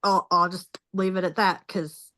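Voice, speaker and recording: Woman, low voice, slow pace, halting casual talk, many restarts. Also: little pitch movement, bright, forceful tone. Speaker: guest. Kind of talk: casual recorded conversation.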